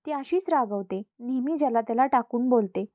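A woman voicing a gentle pleading young princess. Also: on the high side, lively intonation, a little fast, no echo, close to an everyday voice.

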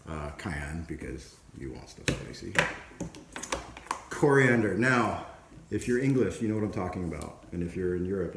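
Chatty man cooking in an echoey kitchen. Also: fairly low pitch. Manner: chatty, playful, talks to camera while chopping. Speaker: cooking show host. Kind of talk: casual cooking vlog. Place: home kitchen, indoors. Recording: echoey kitchen with clear background noise.

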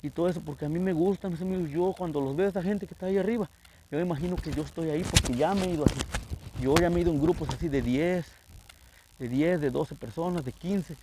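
A man's voice: on the high side, fast talker, mellow, a little hiss or hum, low-quality recording. A middle-aged man with a northern Mexican Spanish accent, telling viewers a story in a chatty, slangy, repetitive way as a vlogger.

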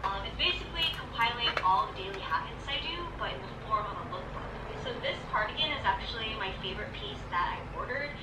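A young adult woman in casual, chatty, relaxed vlog talk. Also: a little high, a little fast, hardly any pauses. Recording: echoey room from far off, noisy.

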